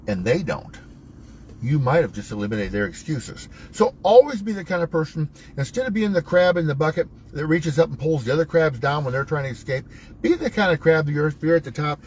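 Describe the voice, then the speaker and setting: A man's voice: a little high, a little hiss or hum. A man hosting a real estate channel, giving a folksy, preachy pep talk that quotes scripture and jokes at his own expense. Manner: self-mocking jokes. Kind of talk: motivational monologue.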